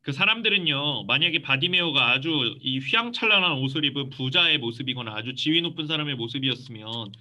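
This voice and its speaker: Bright-voiced man preaching to youth. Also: medium pitch, brisk, hardly any pauses. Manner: lively, acts out quoted voices. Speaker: youth pastor. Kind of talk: youth sermon. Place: church.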